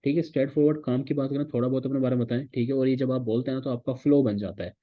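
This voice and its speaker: A man's voice: mid-range voice, fairly even intonation, racing, phone-quality sound. A man teaching a recorded online lecture, explaining step by step and checking in with "theek hai" again and again. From Pakistan. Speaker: course instructor.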